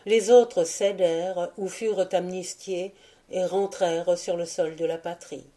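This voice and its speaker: A woman reading aloud a history book as a solemn, measured audiobook narration. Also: fairly low pitch, steady tone, warm tone. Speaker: audiobook reader.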